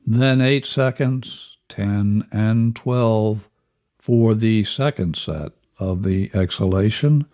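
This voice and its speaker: A man leading a guided breathing lesson as instructor, measured and instructional, counting out each step. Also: on the low side, dark tone. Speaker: relaxation and breathing instructor, host.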